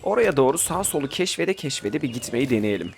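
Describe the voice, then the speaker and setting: With soft music in the background, a young man gives very animated, slightly fast commentary in a creaky, medium-pitched voice. He's casually playing a survival game, directing his group and erupting in sudden outbursts.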